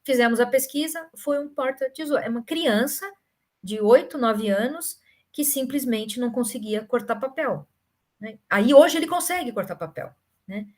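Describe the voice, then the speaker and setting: A woman with a Brazilian accent gives an informal academic talk, answering questions. She tells stories animatedly, often tagging phrases with short questions, in a slightly high voice at normal speed.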